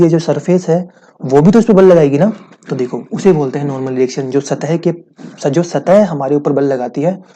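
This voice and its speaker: A man's voice: fairly high pitch, dark tone, muffled recording. A man teaching a physics lesson, explaining step by step, asking his students questions and repeating key points.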